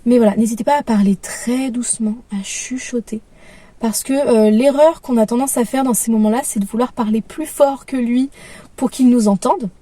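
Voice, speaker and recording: A young mother talks through parenting advice in a calm, gentle voice, pausing often to find her words. Her voice is higher than most but mellow and soft. It sounds dry, with the mic set a little away from her. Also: no room sound, recorded from a distance. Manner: calm, gentle, many hesitations. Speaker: parenting vlogger. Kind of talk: casual advice talk.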